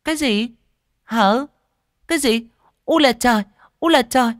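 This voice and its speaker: A man voicing a shrill, sharp-tongued fat market woman in an audio story, haggling and scolding loudly. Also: unhurried, no room sound, clean studio sound.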